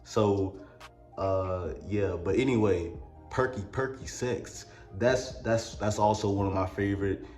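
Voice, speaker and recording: In an echoey, roomy space with faint music playing, a fairly low-voiced man from Mississippi wanders through a joking album review. He's unhurried and a little mellow, his Southern drawl carrying plenty of crude asides.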